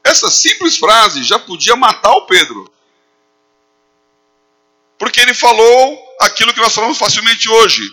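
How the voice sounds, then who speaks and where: A man's voice: sits high, lively intonation, a little slow, pauses often, pushed and bright. A man preaching a sermon, animating his points with acted quotes. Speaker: pastor.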